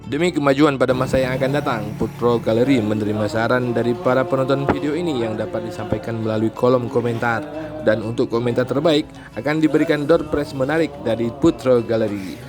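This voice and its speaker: Male narrator, scripted promo news read, mid-pitched, with clear music underneath. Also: steady tone, brisk. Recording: music bed behind the voice.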